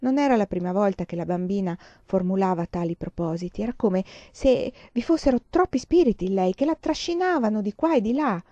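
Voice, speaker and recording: A woman reading a novel aloud as audiobook narration, measured and unhurried, on a close mic. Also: medium pitch, lively intonation, dark tone, no echo, lo-fi sound. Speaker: reader.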